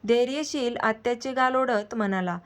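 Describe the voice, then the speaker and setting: A woman storyteller narrating a family story in a calm, steady reading voice. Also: on the high side, moderate pace.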